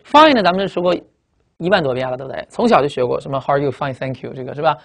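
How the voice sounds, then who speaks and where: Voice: mid-range voice, big pitch swings, gravelly, fairly bright tone. A teacher giving a classroom vocabulary lecture at a board, emphatic, asking rhetorical questions and spelling words out letter by letter. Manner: spells out letters and drags out target words slowly.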